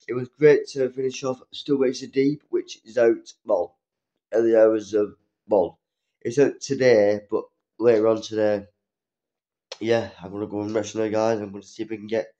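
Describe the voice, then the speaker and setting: A young man chatting casually to viewers in a vlog, low-key and halting, under the weather with a cold. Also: little pitch movement, dark tone. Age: young adult. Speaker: vlogger. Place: small room at home. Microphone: phone at arm's length. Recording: dull lo-fi phone audio.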